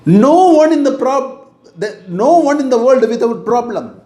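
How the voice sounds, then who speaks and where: A middle-aged man with an Indian English accent delivers a motivational talk in a very high, lively voice. He speaks slowly and deliberately and repeats his key points. The sound is echoey, as if in a bare room. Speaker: motivational teacher.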